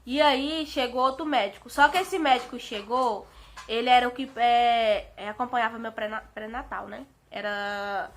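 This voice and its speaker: A young Brazilian woman with a Brazilian Portuguese accent, telling a personal story in a chatty vlog and often addressing her viewers. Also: a little high. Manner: chatty, keeps saying "gente" to viewers; animated retelling with emotional outbursts. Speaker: vlogger.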